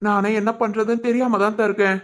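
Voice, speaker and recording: A man voicing a flustered young man, raised pitch. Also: level tone, fast, a bit bright. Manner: bantering, brushing people off. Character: confused, easygoing young man. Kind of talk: comedy cartoon voice acting.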